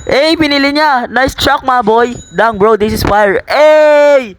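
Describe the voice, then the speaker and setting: A young Filipino man giving playful, excitable commentary while playing a game. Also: very high voice, slow, slight background noise. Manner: excitable, playful, switches between Tagalog and English. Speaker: gaming content creator. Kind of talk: casual gameplay commentary. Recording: faint game music behind.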